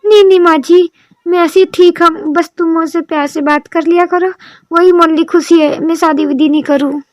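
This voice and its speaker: A woman voicing a timid, grateful young widowed daughter-in-law in a cartoon drama, with a soft, meek manner. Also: very high-pitched, fairly even intonation, moderate pace, no echo. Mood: sorrowful.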